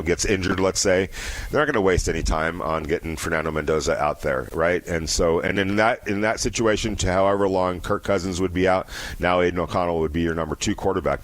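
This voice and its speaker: A man hosting sports talk radio, giving commentary in a halting manner, often repeating words as he reasons. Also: low-pitched.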